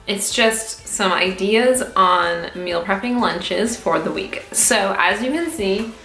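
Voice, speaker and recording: Woman, 20s, rambling self-mocking vlogger, mid-pitched, echoey kitchen room sound. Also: takes it slowly, fairly bright tone, soft background music. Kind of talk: casual cooking vlog. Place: small home kitchen.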